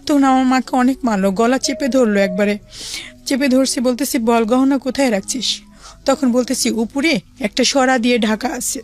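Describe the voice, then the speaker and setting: A middle-aged woman with a Bangladeshi accent and a high-sitting voice tells her life story as a guest, chatting at a moderate pace and quoting remembered dialogue along the way. Faint music plays behind her.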